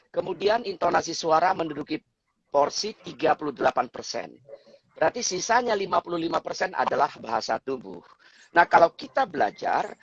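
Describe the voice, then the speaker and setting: A man's voice: fairly high pitch, fairly bright tone, breathy edge. A man as the guest expert on a talk show, lecturing on communication and acting out example phrases in different tones. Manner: lecturing, acts out example phrases with changing intonation. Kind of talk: explanatory talk show chat. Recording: dull lo-fi recording.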